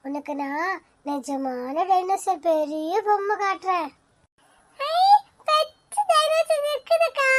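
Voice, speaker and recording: Cartoon big sister, high squeaky and argumentative. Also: female voice, fairly bright tone. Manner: chirpy, indignant, quick to argue. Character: bossy older girl, protective big sister. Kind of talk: cartoon voice acting.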